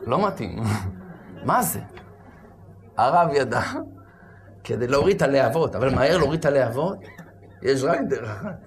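A man preaching as a rabbi, telling a story with acted-out shouts and sudden loud bursts. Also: medium pitch, lively intonation, long pauses. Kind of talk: animated storytelling sermon.

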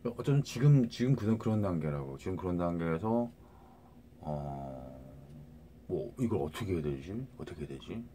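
A middle-aged man with a very deep voice rambles to his viewers, tripping over words and checking in with "right?" again and again. A faint hiss sits under his phone recording. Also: lively intonation, moderate pace, mellow. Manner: rambling, many restarts, keeps asking "right?". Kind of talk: rambling casual monologue to viewers.

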